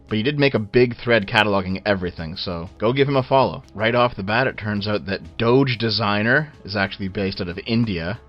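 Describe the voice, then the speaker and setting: A man giving casual, blunt and sardonic video commentary with swearing, on a low-quality, low sample rate recording. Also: highs cut off.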